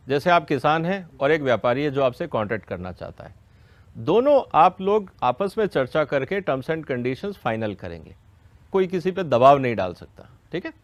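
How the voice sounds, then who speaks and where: A man with a higher-pitched voice teaches farmers about a law through questions and answers. He goes step by step in a didactic manner and often checks for understanding, with no room sound in the recording.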